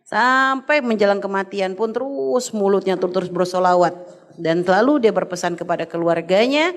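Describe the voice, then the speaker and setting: A middle-aged woman preacher tells a story in a sermon, expressive and gently addressing her listeners as children. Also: on the low side.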